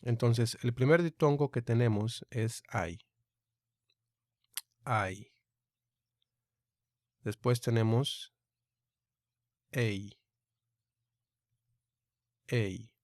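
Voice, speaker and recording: A man teaching a recorded online Greek lesson, speaking slowly and deliberately and repeating each sound aloud. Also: mid-range voice, steady tone, darkish tone, no room sound, clean studio sound.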